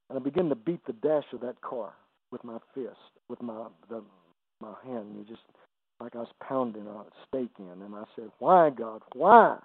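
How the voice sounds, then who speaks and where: A man in his seventies, an evangelist guest, telling emotional testimony stories on a radio interview, halting and repeating words as he goes. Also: medium pitch, no room sound. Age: 70s. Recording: dry, phone-like radio line.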